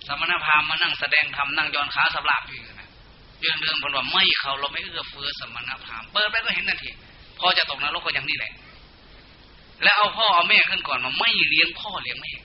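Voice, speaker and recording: A Buddhist monk with an Isan accent giving a sermon, telling stories with folksy asides. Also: male voice, fairly high pitch, quick pace. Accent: northeastern Thai (Isan). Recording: dull lo-fi recording with faint hiss.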